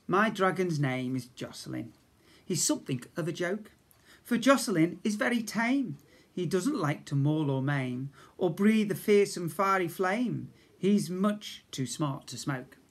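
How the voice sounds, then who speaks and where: An infant school teacher from Britain, a man in his fifties, performs funny rhymes for young children with lively expression and conversational asides. His voice sits high, animated yet unhurried. A device camera at arm's length records him in a small indoor school office.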